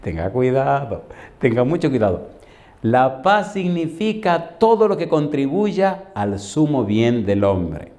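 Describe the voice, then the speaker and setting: A Dominican pastor in his fifties preaches in a loose, colloquial way, calling his listeners "compadre". He tells his stories with frequent laughter and acts out the dialogue in sudden high and low voices. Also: measured pace. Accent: Dominican Spanish. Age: 50s. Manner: animated, laughs often, acts out dialogue with pitch jumps. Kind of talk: lively storytelling sermon.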